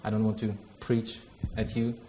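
A theology lecturer from the Czech Republic, speaking with a Czech accent, begins an informal workshop that features a prayer. His dark voice sits on the low side and stays monotone at a moderate pace; he hesitates, uses many fillers and downplays himself, with a little hiss or hum in the background.

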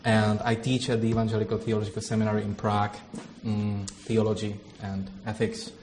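With slight background noise behind him, a Czech-accented theology lecturer from the Czech Republic kicks off a casual workshop with a prayer. His voice is fairly low, darkish and entirely flat, and he talks fairly quickly, hesitating often, leaning on fillers and poking fun at himself.

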